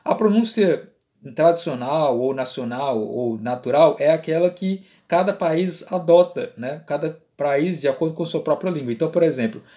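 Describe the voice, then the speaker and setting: A man's voice: on the high side, lively intonation, normal speed, mellow. A man with a Brazilian Portuguese accent teaching an online Latin lesson, explaining step by step and often adding "né?" as a tag question. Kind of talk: online lecture.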